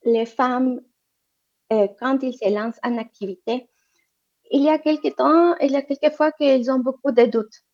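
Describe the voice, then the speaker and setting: Her voice sits high and a little mellow, with fairly even intonation at normal speed. An interview guest from economic development, she talks about women's entrepreneurship haltingly, full of fillers and restarts, and the audio is muffled and lo-fi.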